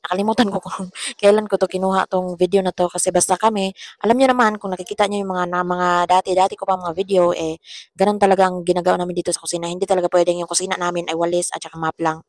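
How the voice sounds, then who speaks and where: Hoarse young Filipino woman vlogger, quick and chatty, dry close sound. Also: lowish voice, flat delivery, no echo. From Philippines. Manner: chatty, laughs often, says "char" as a tag. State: hoarse after a fever. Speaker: vlogger, domestic worker abroad. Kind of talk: casual voice-over chat.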